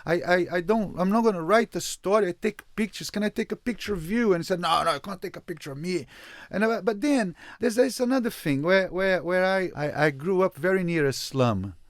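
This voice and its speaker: The speaker is a man from Brazil, a photographer being interviewed, who recounts a story in a lively way, frequently repeating himself and restarting. His voice is high and fairly quick, with no echo and studio-quality sound.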